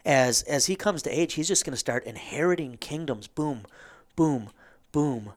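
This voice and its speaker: A man's voice: fairly high pitch, animated, brisk. A man in a casual history chat, explaining things and tossing in joking asides.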